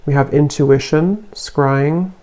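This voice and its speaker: A tarot reader giving a card reading, unhurried and searching for words, with many soft fillers. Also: medium pitch.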